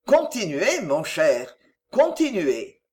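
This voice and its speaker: A stern, pompous old country rector from a storybook, lecturing with indignant moral weight, as a reader puts him on. His pitch swings widely as he sermonizes. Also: big pitch swings, slow. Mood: sermonizing.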